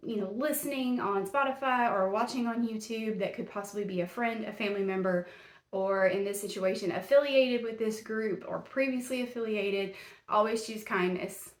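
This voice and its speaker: A Tennessee woman with a Middle Tennessee Southern accent hosts a true crime podcast, rambling in a folksy, self-deprecating way packed with fillers. Her voice sits at medium pitch and normal speed in an echoey room. It's a casual, chatty podcast captured with a camera and mic.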